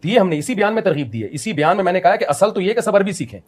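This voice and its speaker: A man's voice: high voice, big pitch swings, racing. A middle-aged man with a Pakistani Urdu accent, a religious scholar answering interview questions in an emphatic, lecturing way with joking asides.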